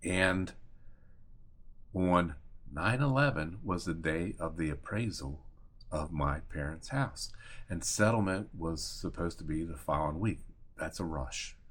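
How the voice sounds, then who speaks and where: A man's voice: low-pitched, unhurried, slightly rough. A man in his fifties from Maryland, a real estate agent telling a personal story in a casual, conversational way, now and then with mild cursing. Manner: conversational, mildly profane, acts out remembered dialogue.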